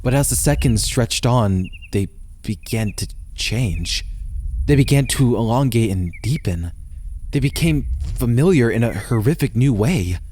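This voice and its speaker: A man narrating a first-person horror story in a steady, measured way. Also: mid-range voice, a little hiss or hum.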